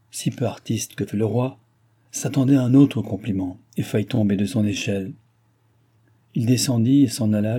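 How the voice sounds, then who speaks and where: Guy reading an audiobook, low husky voice, steady and calm. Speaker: audiobook narrator. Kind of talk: scripted narration.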